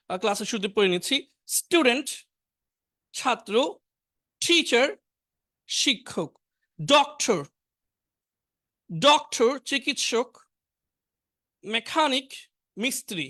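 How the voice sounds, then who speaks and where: A woman teaching an online spoken English class, drilling vocabulary slowly and asking students to repeat aloud. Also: fairly high pitch, sharp tone.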